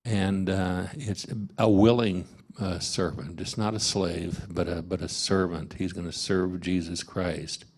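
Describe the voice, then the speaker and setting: Low, slow-speaking man leading a Bible study; halting, filler-heavy delivery. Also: fairly even intonation, a little mellow. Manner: halting, many fillers and restarts. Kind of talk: informal Bible study teaching. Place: parish meeting room.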